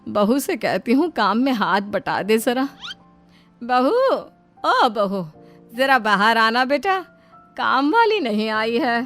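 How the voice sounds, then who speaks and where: A kind, worried mother-in-law, played by a woman in a family drama story. She coaxes gently in a fairly high voice. Faint music runs behind her. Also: sing-song, takes it slowly, long pauses, full character voice.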